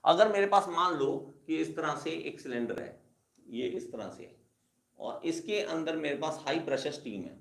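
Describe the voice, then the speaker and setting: Guy teaching engineering to a class, keeps repeating stuff, kinda raspy fry, echoey room. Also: a little high, normal speed, a bit bright. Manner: repetitive, addresses students as kids. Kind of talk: classroom lecture.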